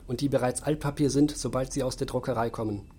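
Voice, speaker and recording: Male reader playing a hushed mysterious mentor, low and even. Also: fast talker, husky, lightly acted. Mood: cryptic. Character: mysterious male guide, calm and cryptic.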